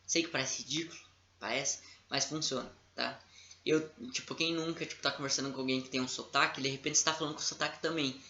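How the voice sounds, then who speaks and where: A man's voice: mid-range voice, steady tone, fast talker, sharp tone. A man with a Brazilian accent giving a casual lecture as an instructor, often checking in with his listeners. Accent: Brazilian Portuguese. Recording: echoey room, dull lo-fi sound.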